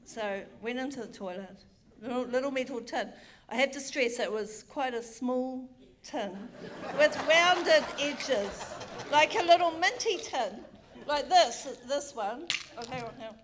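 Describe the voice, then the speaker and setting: A woman's voice: high-pitched, expressive, measured pace, crowd noise, background noise. A middle-aged woman telling a comic story on a theatre stage, frank, bawdy and self-mocking, with chatty asides.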